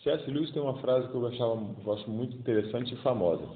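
A man's voice: mid-range voice, quick pace. A man in his fifties with a Carioca accent gives a casual, colloquial daily homily and acts out the voices in the stories he tells. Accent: Carioca Brazilian Portuguese. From Rio de Janeiro, Brazil. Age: 50s. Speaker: preacher. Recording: tinny, echoey hall sound.

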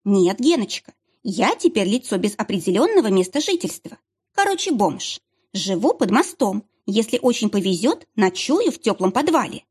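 Mocking young woman, played by a husky-voiced female reader, lots of up-and-down, sarcastic. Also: medium pitch, sing-song, normal speed, a little mellow. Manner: sarcastic, biting retorts.

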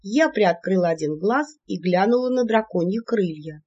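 An audiobook narrator tells a fantasy story with playful, lively storytelling and a pitch that jumps around. The voice is husky. The recording sounds dull and lo-fi. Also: normal speed.

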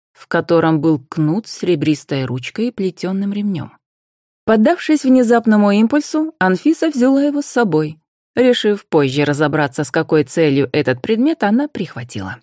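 A woman reading fantasy narration for an audiobook in an even, measured storytelling manner, close to the studio mic. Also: mid-range voice, dry recording.

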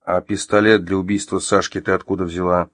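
A man's voice: low-pitched, level tone, fairly quick, no echo, studio quality. A man voicing an angry man who interrogates his ex-wife at gunpoint, growling and barking his questions in an audiobook. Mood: cold interrogating.

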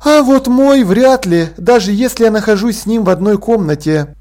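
A man plays an awkward but kindly young prince at school who speaks hesitantly with a hint of gruffness, raising his voice above his own natural register. The natural-sounding delivery sits high and darkish, pushed up at a normal pace.

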